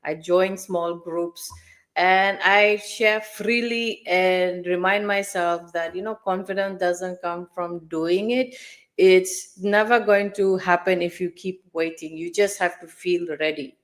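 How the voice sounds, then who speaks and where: Measured, low-voiced woman from Fiji. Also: fairly even intonation. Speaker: guest, finance mentor. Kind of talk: casual live interview.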